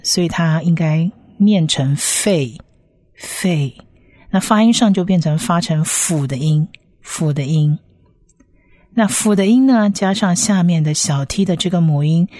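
A woman's voice: low-pitched, a little mellow, no room sound, studio quality. A woman teaching a lesson step by step, patiently repeating each sound several times. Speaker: language teacher.

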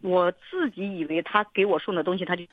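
A woman's voice: on the low side, fairly even intonation, quick pace, no room sound. A woman calling a counseling program, telling a long story in an earnest, rambling way, often repeating herself and restarting sentences. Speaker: caller. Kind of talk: radio call-in counseling. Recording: tinny phone line.

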